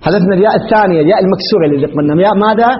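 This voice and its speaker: Man, high voice, grammar teacher quizzing his class, muffled lo-fi recording. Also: racing. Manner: drills students with prompting questions, repeats key words. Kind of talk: classroom lecture. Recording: dull lo-fi lecture recording.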